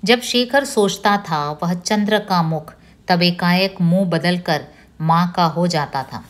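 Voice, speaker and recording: A woman lecturer reads a novel aloud to her class in a slow, deliberate way. Her voice sits somewhat low. Her delivery is steady and careful. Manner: measured, deliberate reading.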